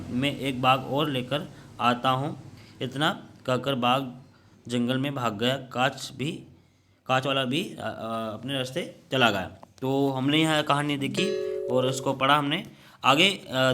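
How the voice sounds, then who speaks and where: Man, teacher, bright tone, halting story reading, fillers and restarts, mid pitch. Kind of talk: reading a workbook story and answering questions for children.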